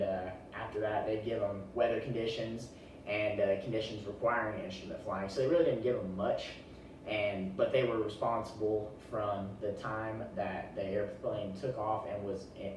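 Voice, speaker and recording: The speaker is a young student presenting casually and colloquially to his class, with a fairly low, slightly mellow voice. The echoey indoor room, distant mic, and room noise make for a very reverberant recording.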